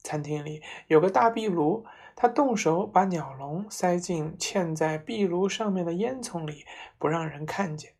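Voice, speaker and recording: A woman narrating a children's story in a slow, expressive reading voice. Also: lowish voice, slightly rough.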